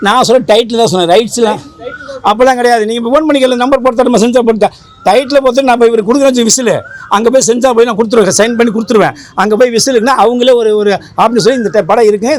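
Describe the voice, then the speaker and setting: A man who leads a film association, talking fast and with emphasis at a press interview, rambling and repeating himself. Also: extremely high pitch.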